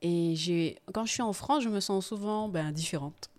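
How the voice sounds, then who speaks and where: A woman guest on a podcast, telling her life story in a casual, lively way and often laughing. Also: lowish voice, moderate pace. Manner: lively, laughing, animated when telling anecdotes.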